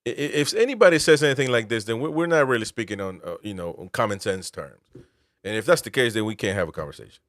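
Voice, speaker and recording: A man's voice: on the low side, expressive, fast talker, a bit bright, no echo, studio quality. A man from Peru, host and military veteran, giving political commentary with emphatic, incredulous rhetorical questions.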